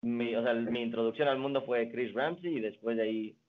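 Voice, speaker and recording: A young man speaks as a guest in a casual interview, easygoing and full of restarts as he tells his story. His voice sits at an ordinary pitch. The sound is narrow and thin, like a phone line. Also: fairly quick. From Mexico. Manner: relaxed storytelling with many restarts. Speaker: guest, card designer and magician.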